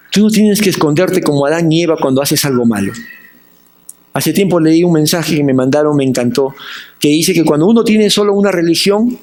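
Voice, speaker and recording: A Peruvian pastor preaching a sermon in lively Spanish, asking questions and answering them himself, and acting out the people he quotes. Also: on the high side. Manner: acts out the voices of the people he quotes.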